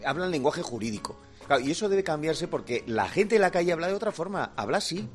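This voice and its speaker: A man's voice: on the high side, sing-song, fast talker, soft background music. A man with a Basque Spanish accent, joking his way through a comic radio chat. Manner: jokey, playful explainer. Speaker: radio comedy contributor.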